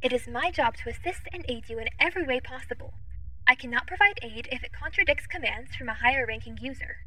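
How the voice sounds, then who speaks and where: Woman voicing too-smooth bright android Echo. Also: high voice, quick pace, full character voice. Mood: helpful, curious. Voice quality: too smooth, even, formal android-like phrasing. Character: too-smooth female AI assistant, polite, literal, curious. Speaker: ship's AI assistant. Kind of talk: audio drama acting.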